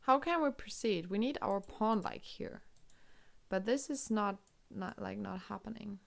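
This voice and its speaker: A German woman with a German accent commentates chess on a live stream, thinking aloud and answering questions from chat. Her medium-pitched voice is a little slow and carries vocal fry.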